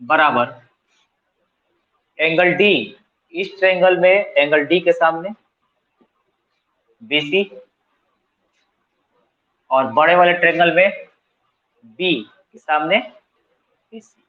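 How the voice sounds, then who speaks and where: A male math tutor with a Bihari accent talks through a lesson in a coaching classroom, voice a little higher than most men's. He keeps quizzing students and answering himself, slipping English terms into casual Hindi. The recording sounds slightly muffled and lo-fi. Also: takes it slowly, pauses often. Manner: asks students questions and answers them himself.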